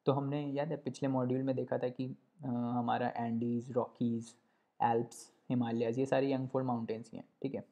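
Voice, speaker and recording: Gravelly, conversational male tutor. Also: mid-range voice, little pitch movement, moderate pace, warm tone. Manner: conversational, repeats "ठीक है" often, checks understanding. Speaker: teacher. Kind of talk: explanatory lesson while drawing. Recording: dull lo-fi recording.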